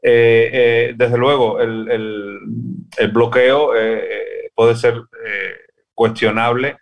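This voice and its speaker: A man's voice: medium pitch, steady tone, takes it slowly, gravelly. Hesitant Cuban-accented man. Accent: Cuban Spanish. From Cuba. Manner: hesitant, many fillers and restarts. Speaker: guest artist. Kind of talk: interview answers.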